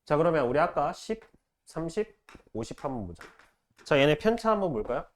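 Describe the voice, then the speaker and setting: A man teaching math to a class, firing short questions at students and repeating key phrases slowly. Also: fairly high pitch, big pitch swings. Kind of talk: classroom lecture.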